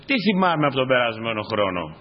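Husky-voiced preacher with emphatic bursts. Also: male voice, very animated. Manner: swings from low, quiet asides to sudden high emphatic bursts. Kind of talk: sermon. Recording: dull lo-fi recording.

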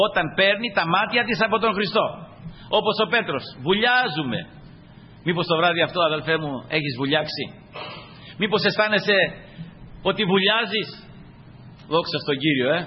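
A man preaching a sermon to his congregation, rising to high emphatic peaks and falling to soft low asides, with frequent calls of "brothers" and "glory to God". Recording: muffled sermon recording with faint room noise.

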